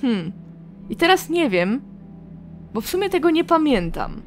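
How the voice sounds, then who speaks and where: Woman host of a let's play, fairly high voice, casual musing chatter, faint background noise. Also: very animated, measured pace. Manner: chatty, musing, self-correcting. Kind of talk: casual game commentary.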